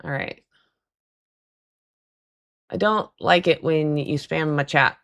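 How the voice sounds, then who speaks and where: Hosting a casual livestream call-in, a woman chats loosely, laughs often, and answers her chat in a raspy, hoarse voice. The voice is deep yet fairly bright in tone, and she speaks slowly.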